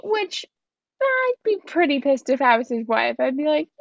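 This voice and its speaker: A woman's voice: high-pitched, very animated, normal speed, gravelly, no room sound, lo-fi sound. A woman co-hosting a casual book discussion, chatty and swearing, acting out quotes. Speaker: book podcast co-host.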